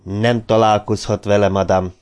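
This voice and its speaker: A man's voice: fairly low pitch, flat delivery, darkish tone, lightly acted. A man reading the part of a stern, guarded middle-aged man in formal, cool tones. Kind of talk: audiobook dialogue reading.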